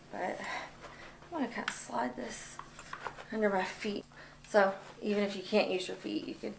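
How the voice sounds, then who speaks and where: A woman vlogger talking casually through a repair demonstration, out of breath from working a hand pump and filling pauses with ums. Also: mid-range voice, gravelly, slight background noise. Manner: chatty, many ums, pauses while pumping.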